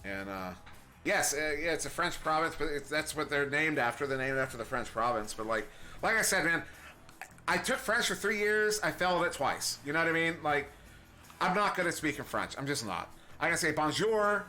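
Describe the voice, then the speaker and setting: A man's voice: a little high, sing-song, normal speed, bright, forceful tone. A young American man doing casual play-by-play commentary on an esports match, rambling and self-deprecating, often chuckling. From United States. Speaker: esports caster.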